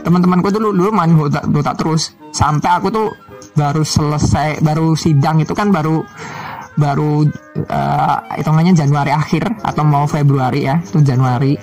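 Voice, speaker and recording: A man's voice: a little high, fairly even intonation, normal speed, a little mellow, faint music behind. A young man chatting casually to viewers, rambling with many fillers and restarts. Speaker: vlogger.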